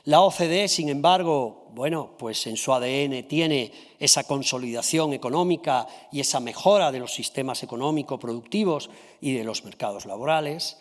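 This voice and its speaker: Spanish man lecturing in an echoing hall. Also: medium pitch. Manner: addresses the audience politely, checking in with a quick "¿sí?" or "¿vale?". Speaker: conference speaker presenting a comparative study. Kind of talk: formal conference presentation.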